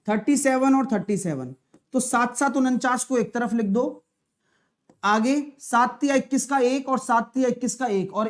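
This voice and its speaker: In a live online exam-prep maths class, a man with a very high voice keeps quizzing his students with rapid questions. His manner is talkative and encouraging.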